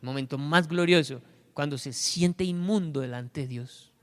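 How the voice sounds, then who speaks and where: A man with a Colombian accent preaching a sermon as pastor, animated, acting out the voices of the people he quotes. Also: on the high side, normal speed. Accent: Colombian Spanish. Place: church sanctuary. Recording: echoey church hall.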